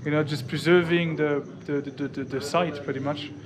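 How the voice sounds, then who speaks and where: Crowd noise surrounds this French travel vlogger in his thirties as he films himself outdoors by a temple courtyard and streets, camera at arm's length. His voice is on the high side, steady and at normal speed, and he's chatty, eager and quick to laugh.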